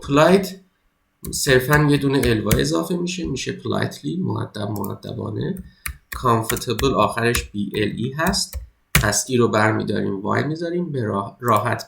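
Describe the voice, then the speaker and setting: A man teaching an English exam-prep lesson, reading each English sentence slowly and then explaining it in Persian. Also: medium pitch, gravelly, roomy sound, low-quality recording.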